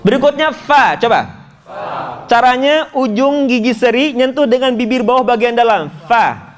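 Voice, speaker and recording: A man leads a Quran pronunciation lesson. He jokes with his students and draws each Arabic sound out slowly for them to copy. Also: very high voice. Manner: jokey, coaxing, models sounds slowly. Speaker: Quran reading teacher.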